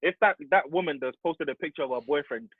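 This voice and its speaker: A man's voice: fairly high pitch, fast talker, breathy edge, no room sound. Blunt man, thin phone-like sound. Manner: blunt, repeats points for emphasis. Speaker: podcast co-host. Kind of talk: casual chat.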